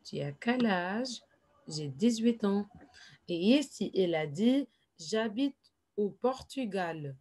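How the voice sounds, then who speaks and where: A woman teaching in a slow, patient classroom explanation, repeating each phrase and adding English asides. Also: mid-range voice, lively intonation, a little mellow. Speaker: French teacher.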